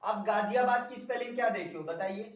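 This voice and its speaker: A man's voice: high-pitched, fast talker. Male classroom teacher, quizzing style, recorded at a distance in a reverberant room. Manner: drills the class with repeated questions. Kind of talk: classroom spelling lesson. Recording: echoey room, voice from far off.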